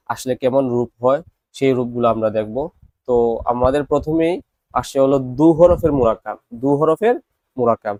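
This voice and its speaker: A man teaching Quran reading, patiently explaining and slowly reciting letter names. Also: mid-range voice, darkish tone, no echo. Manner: patient, repetitive instruction. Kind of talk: classroom-style recorded lesson.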